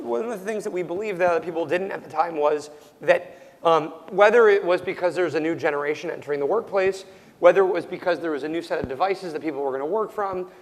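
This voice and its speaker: A young man who founded a startup responds to interview questions loudly, almost yelling, often restarting and saying um. His voice, a little high for a male, is going hoarse and cracks now and then. The recording has a long, lingering reverb.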